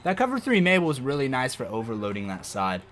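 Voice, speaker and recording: Excitable man doing football game commentary. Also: medium pitch, fast, a little hiss or hum. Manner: excitable, loud outbursts over game plays. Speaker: gaming video host.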